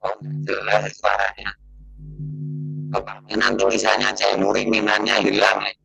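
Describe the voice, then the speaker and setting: A man's voice: lowish voice, completely flat delivery, normal speed, gravelly, rough recording. A man leading an online meeting in casual chat, his voice coming through a laptop video call as half-robotic, garbled audio.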